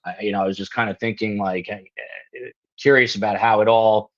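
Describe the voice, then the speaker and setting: A man hosts a live stream panel, chatting casually and rambling with plenty of ums and you-knows. His voice is on the low side and fairly bright, with fairly even intonation and a fairly quick pace. It comes through a dull, lo-fi video call line.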